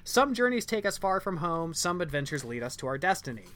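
A co-host talking casually on a book discussion podcast at an average pitch. The delivery is loose and blunt, full of fillers, with the odd casual curse. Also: big pitch swings, a little fast, a bit bright. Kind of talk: casual chat.

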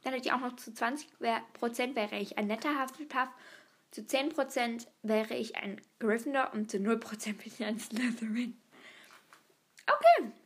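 A woman reading a personality quiz aloud and answering it herself, talking fast, stumbling and restarting, at times dropping to a whisper. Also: fairly high pitch, fairly even intonation, slightly rough. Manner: reads quickly, stumbles and restarts, sometimes drops to a whisper. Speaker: video host taking a quiz.

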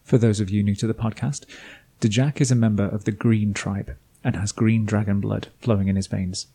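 A man narrates a scripted tabletop campaign recap as game master. His voice is low, mellow and a bit husky. He drops in dry, self-deprecating asides along the way. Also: steady tone, normal speed. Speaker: game master and podcast host.

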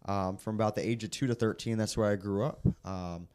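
A young man preacher sharing his testimony in a casual interview, earnest and halting with frequent restarts. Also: fairly low pitch, steady tone, a little mellow, smooth. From raised in the Philippines, American. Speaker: guest preacher.

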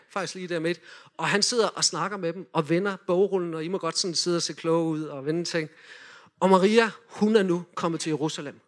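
A man in a lively sermon, retelling a Bible story and directing volunteers as they act it out. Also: sits high. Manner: animated, directs volunteers with quick cues.

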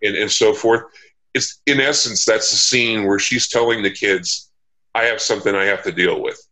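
A man with a fairly low voice hosts a casual interview. He talks reflectively and at length, feeling his way through each thought in a halting manner. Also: bright, forceful tone, rough recording. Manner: halting, reflective, long-winded. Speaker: interview host.

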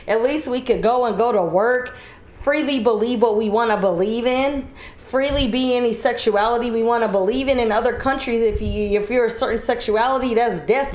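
A woman's voice: a little high, a little mellow. Blunt profane woman ranting, echoey room. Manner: blunt, heavily profane, venting. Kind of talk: ranting personal monologue. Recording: echoey room, dull lo-fi audio.

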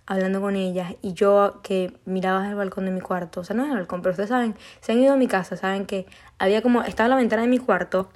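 A woman's voice: mid-range voice, steady tone, fast, darkish tone. A young woman from Venezuela with a Venezuelan Spanish accent, chatting casually on her own show, rambling with frequent restarts and casual swearing. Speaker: podcast host. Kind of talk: casual solo chat.

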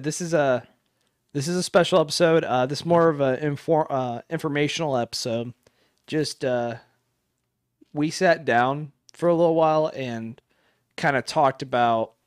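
A man's voice: mid-range voice, clear, resonant tone, no echo, clean studio sound. A man co-hosting a casual podcast, talking in a rambling way with many fillers and restarts. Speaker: podcast co-host. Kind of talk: casual chat.

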